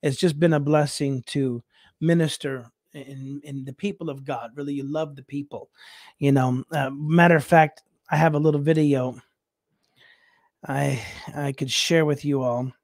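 A man who is a missionary preacher, telling a rambling, animated story on a talk show, laughing often and restarting his sentences. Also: a little high, measured pace, no room sound, studio quality. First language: English.

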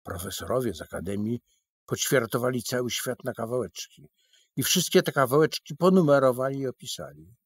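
A man's voice: mid-range voice, a little fast, husky, no room sound, natural voice. A man voicing an eccentric, boastful, burly male painter who declaims grandly in a storybook reading. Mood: grandiose.

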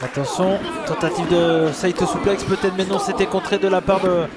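A man giving excited live wrestling commentary, exclaiming as he calls the moves. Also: high-pitched, normal speed. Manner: exclamatory, calling moves as they happen. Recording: loud crowd noise throughout. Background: roaring live wrestling crowd.

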